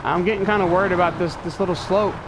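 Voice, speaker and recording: Streaming a truck-driving game, a man with a high voice and a stuffy nose from allergies talks at a quick pace with fairly even intonation, musing out loud in casual commentary. Engine and vehicle noise from the game comes through clearly in the background.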